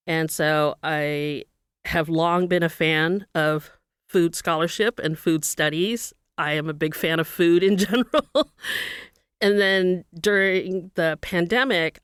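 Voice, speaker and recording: Smooth-voiced woman professor explaining. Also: deep voice, dry recording, studio quality. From Burma, raised in California. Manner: thoughtful, explanatory, with occasional pauses. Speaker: guest, professor. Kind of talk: interview, personal account.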